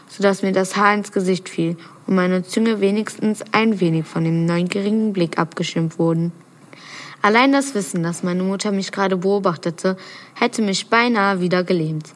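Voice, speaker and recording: A woman reads a first-person novel passage aloud with an earnest delivery. Now and then she trips over a word and restarts it, in a voice of ordinary middle pitch. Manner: earnest reading with occasional stumbles and self-corrections. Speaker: reader of a novel excerpt.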